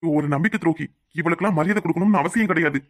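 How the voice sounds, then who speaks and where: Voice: medium pitch, very fast, slight background noise, lightly acted. A voice actor playing a hot-headed young man caught between two women in a cartoon drama. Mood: accusing. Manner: curt, accusing. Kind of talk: cartoon voice acting.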